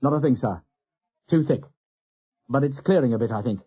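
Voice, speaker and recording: A man voicing a quiet, apologetic male first lieutenant on a warship. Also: medium pitch, lively intonation, normal speed, slightly rough. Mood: soft, wry. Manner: soft-spoken, apologetic. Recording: dull lo-fi audio.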